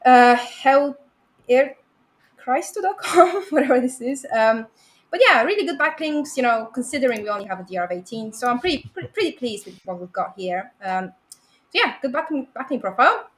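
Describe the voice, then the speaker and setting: A woman presenting a domain review on a live show, upbeat and quick to laugh. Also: high voice, expressive. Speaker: domain analyst guest. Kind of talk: casual live-stream presentation.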